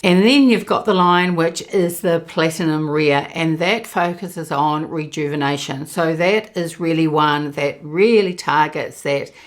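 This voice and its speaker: A woman in her fifties, a beauty vlogger giving a chatty, enthusiastic skincare talk to camera. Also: deep voice. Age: 50s. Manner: chatty and enthusiastic, explains step by step.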